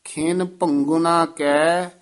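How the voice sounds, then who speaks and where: A man teaching scripture recitation, chanting verses slowly and breaking off for brisk, quiet pointers on where to pause and stress. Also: on the high side, steady tone. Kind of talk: chanted scripture recitation with spoken pronunciation tips.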